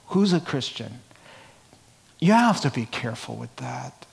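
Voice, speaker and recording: High-voiced Brooklyn man preaching. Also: gravelly. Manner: emphatic, acts out imagined dialogue in asides. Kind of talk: conversational Bible-teaching sermon.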